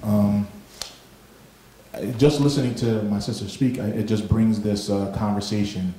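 A man with a low, mellow voice gives panel remarks in a roomy, echoing hall. He speaks reflectively and haltingly, restarting often, and his pitch stays level and even. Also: slight background noise. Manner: reflective, halting with many fillers.

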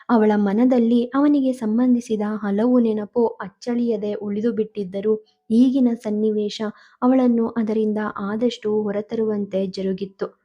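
Woman reading a sad story, steady and measured, kinda muffled with soft music under. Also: mid-range voice. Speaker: narrator. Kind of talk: scripted narration of an emotional story.

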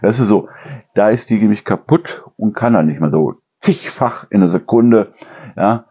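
A man's voice: fairly low pitch, normal speed, dark tone, slightly rough, highs cut off. A man hosting a casual kitchen chat, rambling and correcting himself as he goes. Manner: rambling, self-correcting, imitates noises. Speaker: channel host.

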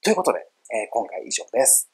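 A middle-aged man teaches English pronunciation in a casual video, friendly and explanatory, exaggerating emphasis when demonstrating words and describing himself as an old guy. He is very animated and very fast, with a medium-pitched, darkish, slightly rough voice, and the audio quality is poor.

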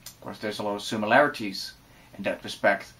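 A Dutch man in his forties with a Dutch accent, chatting relaxed and casually to camera with many fillers in a room lined with bookshelves. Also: fairly low pitch, a little fast. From Netherlands. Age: 40s. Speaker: vlogger. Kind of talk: casual vlog talk to camera.

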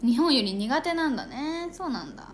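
A woman's voice: sits high, expressive, brisk, a little hiss or hum. A young woman chatting casually on a livestream, reading viewer comments aloud. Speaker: idol livestreamer.

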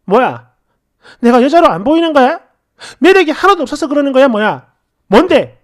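A man voicing a furious, tearful young woman who shouts at her boyfriend. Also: very animated, normal speed. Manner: shrill, shouting.

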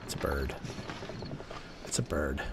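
A man casually narrating as he walks through an abandoned desert building at night, with a camera strapped to his chest, rambling slowly and correcting himself as he goes. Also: extremely low pitch, animated, heavy background noise. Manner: slow, rambling, self-correcting. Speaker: urban explorer vlogger. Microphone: chest-mounted camera.

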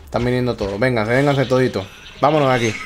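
A young man giving excitable let's play commentary, swearing often and talking to himself. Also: medium pitch, fast. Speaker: gaming YouTuber.

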